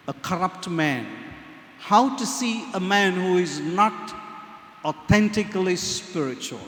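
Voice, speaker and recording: A man with a Sri Lankan accent preaching as a priest at Mass, speaking in a measured, solemn way with deliberate pauses, with cathedral-like echo. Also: high voice, a bit bright. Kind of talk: Gospel reading and homily at Mass. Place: large reverberant church. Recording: echoey church with long cathedral-like reverb.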